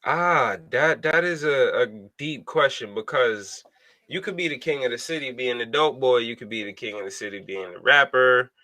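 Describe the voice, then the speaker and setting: A man's voice: mid-range voice, moderate pace, bright, forceful tone, no echo, poor audio. A man co-hosting a casual livestream talk show, musing in a thoughtful, rambling way full of slang. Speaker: podcast co-host.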